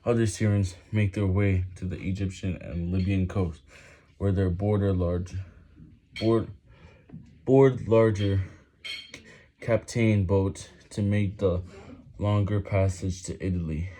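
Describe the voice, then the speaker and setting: A man reading a written text aloud haltingly and with effort while doing push-ups, with some background noise. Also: low voice, fairly even intonation, dark tone. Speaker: reader.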